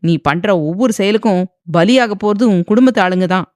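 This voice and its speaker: A man's voice: sits high, brisk, dry recording, close to an everyday voice. Woman narrator doing a bossy, menacing husband in an audio drama, barking orders, dry close sound. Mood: harsh. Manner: harsh and commanding. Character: domineering threatening young husband.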